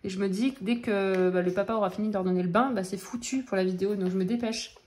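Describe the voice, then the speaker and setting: Fast-talking woman chatting to camera. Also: mid-range voice, steady tone, darkish tone. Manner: talks fast and stumbles over words; chatty, full of fillers and asides. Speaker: craft vlogger showing art-supply purchases. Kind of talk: casual haul chat to camera. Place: at home, with children nearby.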